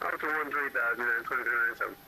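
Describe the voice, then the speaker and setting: A male airline pilot heard over the radio, reading back clearances in terse, clipped phrasing. His voice sits at a middling pitch and comes through a transmission thick with static hiss. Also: very fast, sharp tone, low-quality recording. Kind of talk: air traffic radio call.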